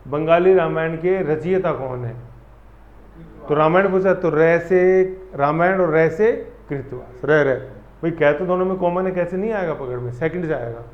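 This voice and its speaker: A man teaching an exam-prep class, lively and full of memory tricks, often checking that students follow. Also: a little high. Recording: roomy, dull lo-fi classroom sound.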